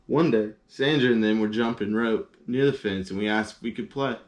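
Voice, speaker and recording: A man's voice: lowish voice, moderate pace. A man reading children's picture books aloud as a storyteller, in simple language with short explanatory asides.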